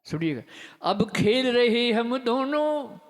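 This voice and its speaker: A man's voice: very high-pitched, very animated, slow. An older man giving a live humorous poetry recital, half-singing his verses, repeating lines, chuckling and urging applause. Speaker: poet. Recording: long reverb of a live stage PA.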